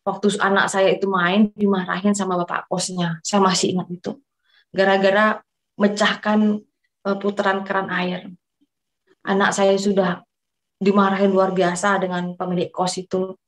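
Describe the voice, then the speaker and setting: A woman's voice: medium pitch, flat delivery, normal speed, pauses often, rough recording. A woman from East Java, Indonesia, giving a personal religious testimony, telling her story earnestly and often addressing her listeners as brothers and sisters.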